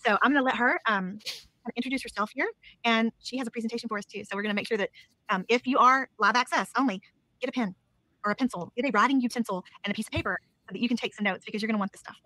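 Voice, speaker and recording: A woman's voice: fairly high pitch, rapid-fire, pushed and bright, no room sound, poor audio. A woman hosting an online event, introducing it enthusiastically and a little rambling, in a recording that is played sped up. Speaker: event host.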